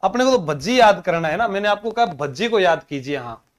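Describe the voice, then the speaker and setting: A man's voice: high-pitched, lively intonation, a little fast. A man teaching an exam-prep lesson, playfully drilling memory tricks by repeating words. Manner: playful, drills terms by repetition.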